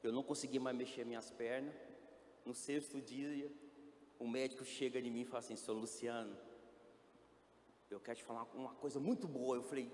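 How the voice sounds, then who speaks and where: Man giving a testimony in an echoey hall. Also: mid-range voice. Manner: acts out quoted dialogue, rising to pleading. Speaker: testimony speaker. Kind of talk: emotional personal testimony. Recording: echoey hall with faint ambience.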